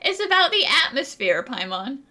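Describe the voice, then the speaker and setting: Over game music, a talkative woman riffs through a let's play, laughing easily as she comments and answers off the cuff. She speaks at a normal speed in a high, very animated voice, and the recording is very noisy.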